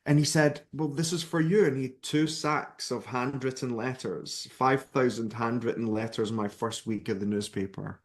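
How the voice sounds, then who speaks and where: A man's voice: mid-range voice, moderate pace, hardly any pauses. A man from Scotland in his thirties, a spiritual author telling a personal story as a guest and acting out the people in it. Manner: lively narrator who acts out the people in his story.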